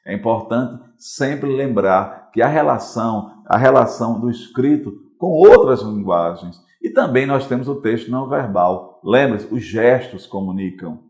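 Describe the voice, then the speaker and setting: A man's voice: medium pitch, expressive, a little slow, few pauses, darkish tone, reverberant. A Brazilian Portuguese-speaking male teacher giving a recorded online class, explaining patiently and often checking in with the students. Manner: explanatory, repeats points, checks in with "certo?".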